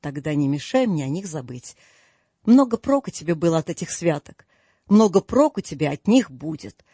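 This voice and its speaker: A man reading an audiobook voices a grumpy, miserly old man in a low, curt, grumbling tone. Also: sing-song, normal speed, dark tone, slightly rough, no echo. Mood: scornful.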